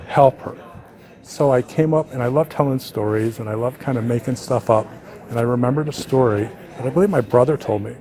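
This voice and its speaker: A therapist telling a client story and a fable in a conversational, animated way. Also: male voice, mid-range voice. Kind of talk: storytelling to an audience.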